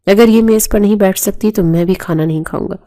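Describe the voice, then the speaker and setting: A woman reading the lines of a young husband, sharp when angry and gentle when he comforts. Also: mid-range voice, close to an everyday voice. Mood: stern. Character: stern young husband, harsh then tender.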